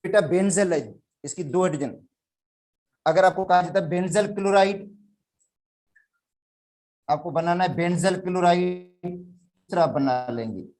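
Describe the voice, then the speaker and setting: A man's voice: sits high, a little slow, pauses often, a little mellow. A man from Pakistan with a Sindhi accent, teaching chemistry in a classroom lecture and explaining step by step while calling his students "beta".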